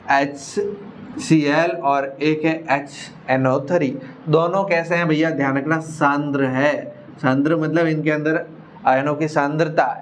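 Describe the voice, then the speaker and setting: A man's voice: fairly high pitch, dull audio, a little hiss or hum. A male science teacher giving a classroom lecture, repeating key terms and asking the class rhetorical questions in a casual, chummy way. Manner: casual, addresses listeners as brother.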